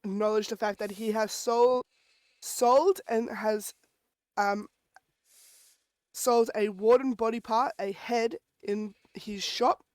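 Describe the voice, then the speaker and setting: A woman's voice: on the high side, steady tone, takes it slowly, long pauses, a little mellow, no echo. A woman playing prosecutor in a game role-play, hesitant and often stumbling over her words. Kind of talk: playful role-play chat.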